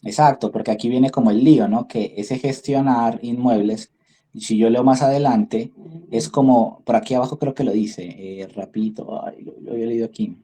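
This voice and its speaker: A man's voice: medium pitch, steady tone, moderate pace, warm tone, husky. A man gives an online class as an instructor. He thinks aloud as he works and keeps checking in with his students through tag questions. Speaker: university instructor.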